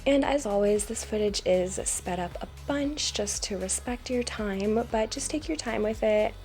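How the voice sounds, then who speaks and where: An American woman narrating a craft tutorial as a voice-over, explaining each step in a calm, instructional way. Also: mid-range voice, measured pace, faint music behind. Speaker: craft channel host.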